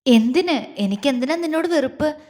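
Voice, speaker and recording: A woman voicing a teasing but doting young husband who speaks gently and coaxingly, with a long hall reverb. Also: sits high, expressive, normal speed. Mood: tender concerned.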